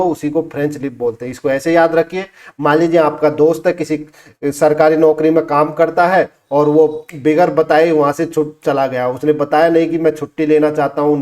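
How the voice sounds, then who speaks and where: A male teacher giving an exam-prep lesson who asks questions and answers them himself, slowing down to spell out English phrases. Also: a little high, a little mellow. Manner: asks the class and answers himself, repeats key terms.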